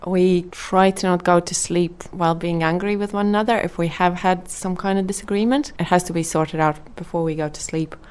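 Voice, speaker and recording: A woman's voice: fairly low pitch, fairly even intonation, fairly quick, few pauses, a little mellow, clear, resonant tone. A woman from Latvia interviewed, speaking plainly with light humor.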